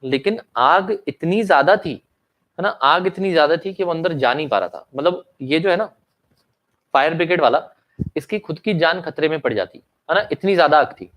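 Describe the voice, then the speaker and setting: A man's voice: on the high side, expressive, normal speed, a bit bright. A young man teaching an online lecture, mixing English into his Hindi, asking checking questions and coughing now and then. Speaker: commerce exam teacher. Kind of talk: online lecture with story examples.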